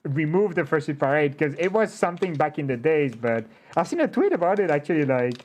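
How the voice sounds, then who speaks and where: A man with a slightly high voice hosts a casual interview. He talks in an animated, conversational way, often hesitating and rephrasing as he searches for the wording. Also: a little fast. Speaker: interview show host.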